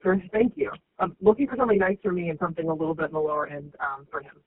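A woman's voice: on the low side, expressive, racing, husky, pitched below the performer's own voice. A woman disguising her voice with a voice changer, playing a newly divorced caller who is bitter at her ex, talking in a hesitant, rambling way over the phone. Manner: hesitant, rambling, stumbling restarts. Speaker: prank caller. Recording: tinny phone line.

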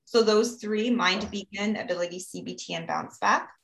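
A woman's voice: medium pitch, steady tone, normal speed, a bit bright. Earnest woman giving advice, roomy sound. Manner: earnest, advising, frequent "you know" and "right?". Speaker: guest speaker on mental health. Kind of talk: casual podcast conversation.

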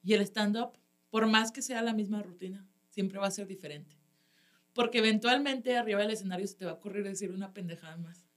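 A woman stand-up comedian with a Mexican accent, telling stories in a casual chat, animated and laughing often, with lots of slang. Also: mid-range voice, brisk, faint music behind.

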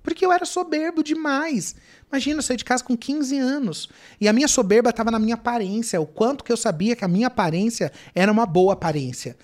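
A man's voice: extremely high pitch, quick pace. A man, a guest telling his faith testimony with dramatic retellings of his prayers and cries. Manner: dramatic, reenacts his own shouting and prayers.

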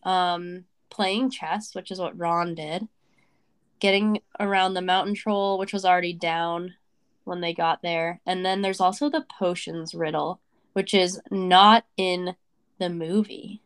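A woman's voice: fairly low pitch, steady tone, a little slow, smooth. A woman co-hosting a casual podcast chat, rambling with fillers and restarts, her voice a little worn after covid. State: recovering from covid, voice may crack. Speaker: podcast co-host.

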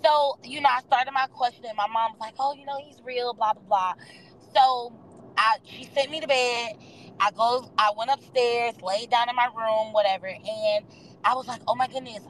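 A young woman with a slightly high voice tells a story in a dramatic, animated way, often turning to the listeners with y'all. There is faint noise under the recording. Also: rough recording. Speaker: guest. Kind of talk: casual storytelling chat.

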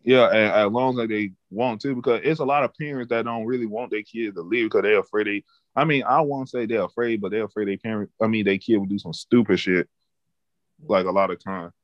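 Brisk and lowish-voiced, this twenty-something man rambles through a casual, profane chat, frequently repeating words when beginning a thought. The recording is dry and the audio dull.

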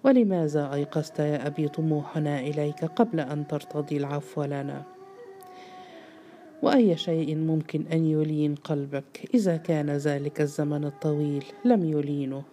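A woman's voice: deep voice, moderate pace, mellow, slight background noise, natural voice. A woman voicing a weary, grieving older father who sighs and pleads. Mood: despairing. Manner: sighing, pleading.

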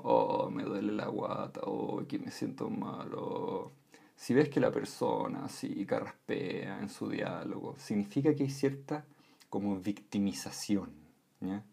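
A man explaining voice and communication in a calm lesson, often checking in with short "¿m?" and "¿ya?" tags. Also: lowish voice, vocal fry, breathy edge. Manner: calm, with frequent "¿m?" and "¿ya?" check-ins. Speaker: voice and communication instructor.

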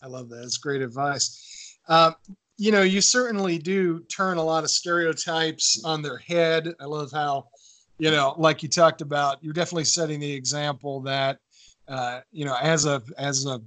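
Man co-host, fairly high voice. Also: fairly even intonation, normal speed, a bit bright, no echo. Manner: rambling, repeats words, many "you know". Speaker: podcast co-host. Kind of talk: interview questions.

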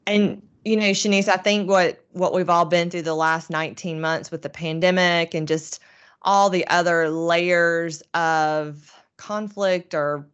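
Lower-voiced woman hosting an interview. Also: steady tone, measured pace, smooth, highs cut off. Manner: affirming, many encouraging backchannels. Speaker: host. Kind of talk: conversational interview.

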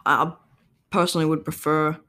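This young Australian podcaster has a slightly high, sharp voice, brisk and level in tone. Alone on his show, he rambles casually, dropping plenty of ums and likes, and now and then drifts off his home mic.

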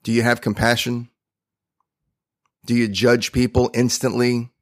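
A man with a mid-pitched voice hosts his own podcast and speaks straight to the listener. He tells a motivational story in an earnest, chatty style, with casual fillers along the way. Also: level tone, a little slow. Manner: earnest, conversational, with fillers and restarts. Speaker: podcast host.

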